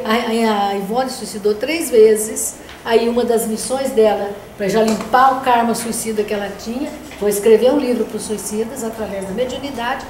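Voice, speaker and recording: A woman's voice: fairly high pitch, a little mellow. An older woman leading a spiritist study group, telling stories conversationally and often tagging phrases with a questioning "né?". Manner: anecdotal, conversational, frequent "né?". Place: meeting room of a spiritist center. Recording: roomy echo with background noise.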